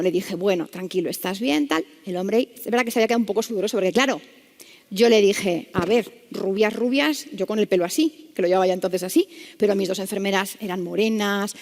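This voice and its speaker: A woman doctor, telling a clinical anecdote to an audience and acting out the voices in it. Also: mid-range voice. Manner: lively anecdotal storytelling, acting out dialogue. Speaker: palliative care doctor. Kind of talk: storytelling talk to an audience. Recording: long hall reverb.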